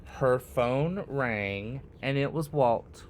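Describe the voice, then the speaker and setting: With faint noise in the background, a man reads aloud from a children's picture book in an animated, expressive way. He doesn't rush, leaving intentional gaps between short phrases, while his mid-range voice swings freely in pitch.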